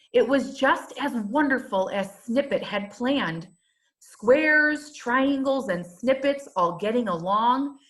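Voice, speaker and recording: A woman with a higher-than-average voice reads aloud from a rhyming children's book, and her delivery is measured and expressive, much like a teacher's.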